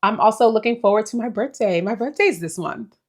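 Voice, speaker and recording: Talking fairly quickly in a medium-pitched voice, a vlogger in her forties rambles through a casual life update. She speaks straight to her viewers, reflective and letting out little laughs along the way.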